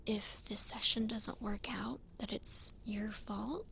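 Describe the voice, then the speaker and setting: A woman doing a fast-whispered ASMR role-play as a flaky, self-assured psychic, rambling in a breezy, informal way. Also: mid-range voice, gravelly, bright, forceful tone, a little hiss or hum. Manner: rambling, breezy, informal filler-heavy talk. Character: flaky, self-assured female psychic giving a cleansing session.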